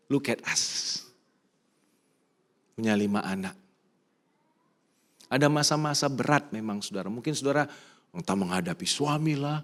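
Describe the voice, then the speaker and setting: A middle-aged Indonesian-accented pastor preaching in a church, with a voice of ordinary middle pitch. He swings between emphatic, rising calls and quiet, personal storytelling. He drops English phrases into his preaching. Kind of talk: sermon. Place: church sanctuary.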